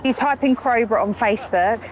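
Woman reporter asking calm questions outdoors. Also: a little high, fairly quick, slight background noise. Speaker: interviewer. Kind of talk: field interview.

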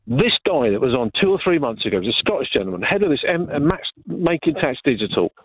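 A man's voice: medium pitch, very animated, fast, husky, no echo. A middle-aged Englishman phones a radio show and rants with frustration. His voice comes through a thin, phone-like line. The sound is close and dry. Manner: passionate ranting, frustrated. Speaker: caller. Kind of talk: phone-in rant.

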